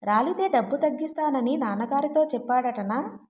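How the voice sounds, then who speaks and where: A woman voicing a hurt, simple-hearted young wife who talks in a soft, plaintive way, in a story read aloud. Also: sits high, expressive, moderate pace, a little hiss or hum. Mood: cold.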